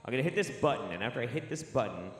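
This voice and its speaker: A man's voice: mid-range voice, animated, rapid-fire, soft background music. A male host in his home studio, chatting loosely and swearing, his voice on a mic with a cave-like echo. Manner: rambling, swearing, laughing at himself. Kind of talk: casual online show chat. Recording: echoey mic with long reverb.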